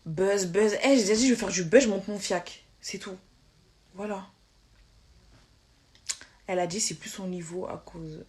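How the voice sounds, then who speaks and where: Woman, irritated, heated live-stream rant, fast tangled slangy speech, restarts. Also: medium pitch, darkish tone.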